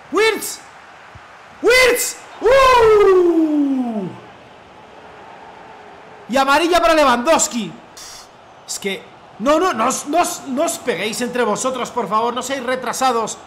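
A man from commentating his own football video game match, cheering loudly at goals and repeating his phrases. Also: very high-pitched, slight background noise. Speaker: gaming youtuber. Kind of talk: excited live gameplay commentary.

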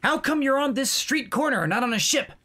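A man's voice: very high voice, animated, a little fast, sharp tone, voice pushed up, heavily acted. A man voicing a young male would-be pirate who is squeamish and dryly sarcastic. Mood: wry. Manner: dry, sarcastic asides.

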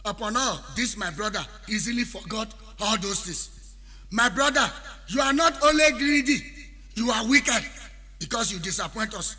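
A man's voice: high voice, lively intonation, normal speed, sharp tone. A man from Benin City with an Edo Nigerian Pidgin accent, a musician chanting a preachy, proverb-laden spoken monologue that drifts into half-singing. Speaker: highlife musician. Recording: long reverb with backing music.

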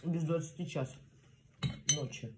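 A woman in her thirties chatting casually to the camera at home, chewing as she talks and pausing for bites. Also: sits low. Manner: chewing while talking, with pauses for bites. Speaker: mukbang vlogger. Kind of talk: casual chat to camera while eating. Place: small room at home, indoors. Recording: clear background noise, cutlery and dish clatter. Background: cutlery and plates clinking.

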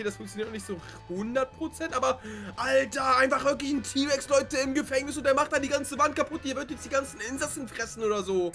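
A young man hosting gaming videos, commenting on his gameplay in an excitable, chatty way with lots of slang fillers. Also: very high voice.

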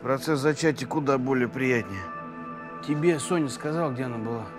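A man's voice: medium pitch, brisk, music in the background, natural voice. An actor playing a sardonic man joking while waiting. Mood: dry.

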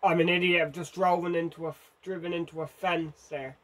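Brisk, flat and a bit bright, this fairly high male voice belongs to a gaming video host. He frantically mocks himself in live commentary as he drives in a game.

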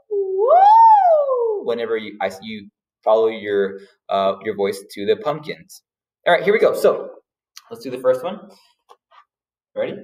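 A man teaching a vocal warm-up to children, giving patient instructions between high sung woo and E sweeps. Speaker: music teacher. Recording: roomy echo, mic a little distant.

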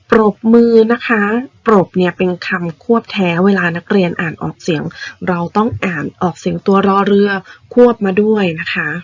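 A woman primary school teacher patiently explaining vocabulary words to young children, spelling them out slowly. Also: medium pitch, dry recording, dull audio. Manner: patient, spells words out slowly, ends phrases with polite particles.

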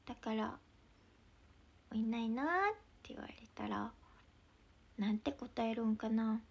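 Young woman, Mie dialect accent, high-pitched, chatty, giggly, casual livestream talk, occasional soft whispers. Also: level tone, a little slow, creaky, husky, highs cut off. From Mie Prefecture, Japan. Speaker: idol livestreamer.

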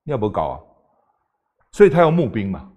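A man's voice: mid-range voice, sing-song, brisk, a little mellow. An older man, a talk show guest arguing emphatically and firing off rhetorical questions. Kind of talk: political talk show debate.

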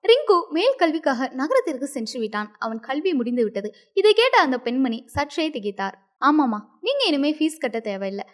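A woman narrating a moral story, speaking expressively and addressing the viewers directly. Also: sits high.

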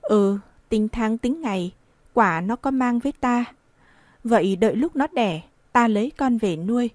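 A woman's voice: fairly high pitch, lively intonation, unhurried, darkish tone, no echo. A woman reading the part of an evasive young man who soothes his lover, in a coaxing, reassuring tone. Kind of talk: audiobook dialogue reading.

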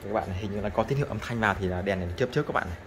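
Speaking in rapid-fire bursts with a low-leaning voice, this man tests scrap electronics on camera. He is chatty, keeps addressing his viewers, and repeats himself often in this casual hands-on demo.

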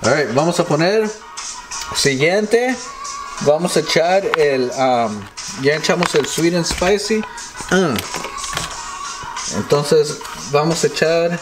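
Slow-talking bilingual man. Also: fairly high pitch, expressive. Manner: repeats each phrase in English and Spanish. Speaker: home cooking vlogger. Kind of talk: casual bilingual cooking narration. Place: home kitchen, indoors. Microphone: camera mic, off screen behind the camera. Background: music.

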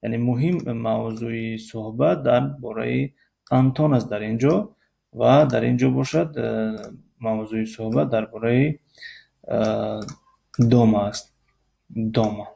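Tajik man teaching slowly with a gravelly voice. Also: medium pitch, fairly even intonation, dark tone. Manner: hesitant, many filler sounds, repeats example words slowly. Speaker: Russian language teacher. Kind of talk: casual spoken lesson. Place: near a road with passing cars. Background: car noise.

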